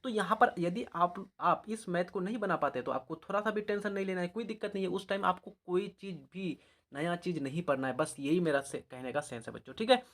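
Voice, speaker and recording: A man's voice: high-pitched, a bit bright. Man, teacher, exam advice lecture, repetitive, addresses students as children. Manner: repetitive, often checks in with "all right" and calls the students "children".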